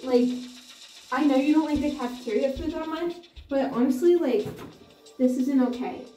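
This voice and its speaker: A woman's voice: sits high, normal speed, dark tone. A young woman lecturing a roommate in a scolding, preachy way during a comedy skit. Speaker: college roommate. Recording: echoey room, from far off, music behind.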